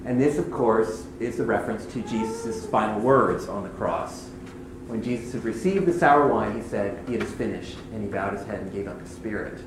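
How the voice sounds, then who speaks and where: A man giving devotional teaching on hymn lyrics. He talks in a conversational way and reads scripture slowly. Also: on the low side, expressive. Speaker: Bible teacher. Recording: echoey room, faint background noise.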